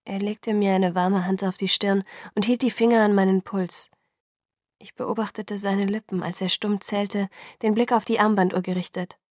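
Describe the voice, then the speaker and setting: A woman reading a first-person novel aloud in a steady, even storytelling manner. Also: mid-range voice, normal speed, dry recording, studio quality. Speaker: audiobook reader.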